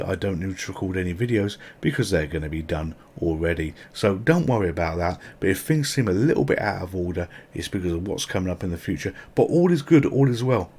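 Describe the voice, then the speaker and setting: Husky man chatting about retro games. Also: deep voice, darkish tone. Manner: chatty, swears casually. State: sore mouth from toothache. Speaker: retro gaming channel host. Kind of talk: casual gameplay commentary.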